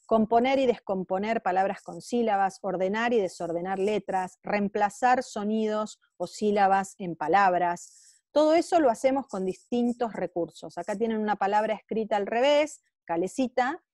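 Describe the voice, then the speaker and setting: Rioplatense woman giving a mellow lecture. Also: mid-range voice, no room sound, clean studio sound. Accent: Rioplatense Spanish. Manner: explanatory, with emphatic stressed phrases. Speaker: psychopedagogue lecturer. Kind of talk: online lecture.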